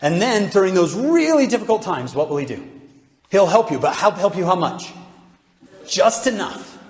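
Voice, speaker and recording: Man, somewhat high voice, animated devotional speaker firing questions at a young crowd, big reverberant hall. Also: moderate pace. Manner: animated, asks the audience many rhetorical questions. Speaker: religious speaker addressing youth. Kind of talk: lively devotional talk to a live audience. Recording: roomy hall with long reverb.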